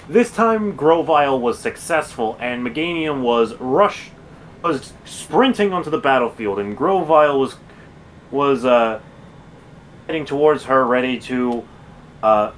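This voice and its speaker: A man's voice: medium pitch, slight background noise. A man streaming a game, chatting casually and rambling with lots of fillers and self-corrections. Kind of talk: casual chat while gaming.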